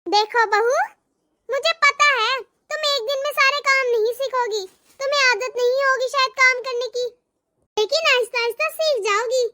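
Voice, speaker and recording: A woman voicing a two-faced middle-aged mother-in-law in an animated family story, sweet to her son and spiteful behind his back. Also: extremely high pitch, moderate pace, no room sound, studio quality. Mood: coaxing. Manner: sweet-talking, turns spiteful and muttering alone. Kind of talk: animated moral story voice acting.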